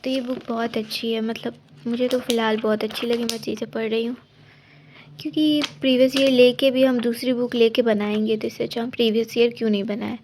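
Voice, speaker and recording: A young woman talks through her exam study plan in a casual vlog, with a somewhat high, gravelly voice. Her delivery stays flat and even, wandering and restarting as she advises viewers. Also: brisk, noisy background. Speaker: exam aspirant vlogger.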